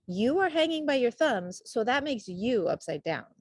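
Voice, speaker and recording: A woman voicing a brash, inquisitive, slightly pedantic bat in a children's storybook, loud and matter-of-fact. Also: a little high, sing-song, normal speed, no echo, clean studio sound, voice pushed up. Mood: correcting. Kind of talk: children's storybook read-aloud.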